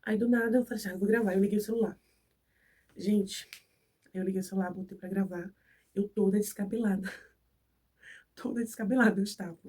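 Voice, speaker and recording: A woman's voice: mid-range voice, steady tone, a little fast, long pauses, a little mellow, husky, recorded from a distance. A young Brazilian woman with a cold, chatting to her viewers as she tells a personal story and acts out who said what. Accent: Brazilian Portuguese. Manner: chatty, acts out dialogue in the retelling. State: has a cold. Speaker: vlogger.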